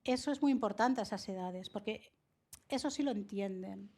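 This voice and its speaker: A woman psychologist answering interview questions in a measured, explanatory way, often laughing, from Spain. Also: mid-range voice, mellow. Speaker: psychologist guest.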